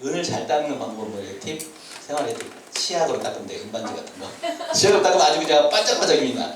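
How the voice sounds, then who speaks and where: A man giving a sermon to high school students, animated and joking, with shouted calls between his points. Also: fast talker, background noise. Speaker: youth pastor. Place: church hall. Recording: echoey church hall from far off, faint ambience.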